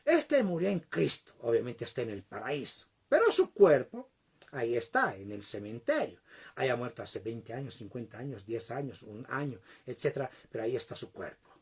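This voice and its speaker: Man, preacher, sermon storytelling, husky, lively intonation. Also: medium pitch, normal speed. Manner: animated, addresses the congregation.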